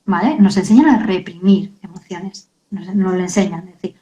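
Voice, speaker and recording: A woman, a guest author in an interview, talking earnestly and haltingly and often adding checking tags. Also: lowish voice, warm tone, rough recording. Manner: earnest, halting, many tag questions. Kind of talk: emotional interview talk.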